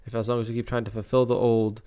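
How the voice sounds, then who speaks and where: A man's voice: medium pitch, little pitch movement, fast talker, warm tone, smooth. A young man reading Bible verses aloud and breaking off to comment casually on them. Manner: reads scripture aloud, stops to comment casually.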